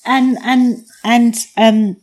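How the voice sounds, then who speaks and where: A woman's voice: fairly high pitch, fairly even intonation, very slow, a little mellow. A woman in her fifties, born in Guyana and raised in England, chatting as a podcast guest and talking with many restarts. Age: 50s. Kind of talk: casual podcast interview.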